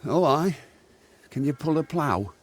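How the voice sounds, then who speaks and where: Rustic male farmer for a video game: plaintive, colloquial, husky, unhurried, worried. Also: fairly high pitch, animated. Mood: wary, bewildered.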